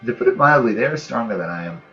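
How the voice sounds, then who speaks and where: A gaming channel host plays a strategy game and offers casual let's-play commentary, thinking out loud as he goes. His mid-range voice is animated, fast, and fairly bright, captured in a dull, roomy home recording with game music behind it.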